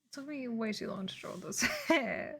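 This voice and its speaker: A woman's voice: a little high, huge pitch swings, normal speed, gravelly, a little hiss or hum. A young woman streaming while she draws, chatting casually and laughing often. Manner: giggly, laughs often, playful. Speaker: art streamer. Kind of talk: casual chat while drawing.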